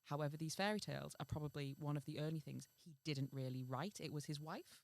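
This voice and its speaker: A woman's voice: sits low, fast, vocal fry, no echo. A young woman co-hosting a podcast, chatting casually and reading a fairy tale aloud, giggly between passages. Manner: chatty, giggly, reads story passages in a steadier tone. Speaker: podcast co-host and storyteller.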